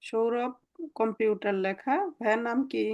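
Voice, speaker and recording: A woman's voice: a little high, steady tone, normal speed, muffled recording. Woman teaching an online class. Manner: patient, explaining step by step with many fillers. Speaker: German language teacher. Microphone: video call.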